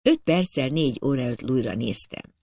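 A man narrating a classic novel as an audiobook in a steady storytelling manner. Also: mid-range voice, breathy edge, no echo. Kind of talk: scripted narration.

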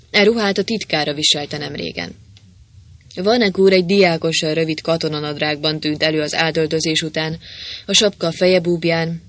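A reader narrating a comic adventure novel aloud, with playful, lively voicing of the dialogue. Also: mid-range voice. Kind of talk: audiobook narration with character voices.

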